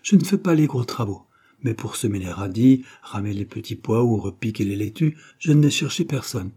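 A man reading aloud, voicing a cheerful and sensible young woman in a raised, lively voice. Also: on the low side, normal speed, husky. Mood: bright, sensible.

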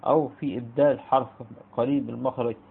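Gravelly Egyptian man lecturing over a tinny line. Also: mid-range voice, steady tone. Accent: Egyptian Arabic. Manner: halting, many restarts and "uh", asks and answers his own questions. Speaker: Islamic studies teacher. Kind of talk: spoken lecture. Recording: phone-like narrow band.

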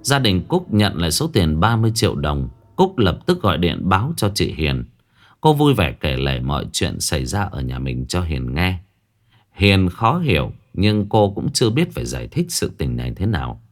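Male storyteller, low voice, lively reading, faint music under. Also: moderate pace. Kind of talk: scripted horror story narration.

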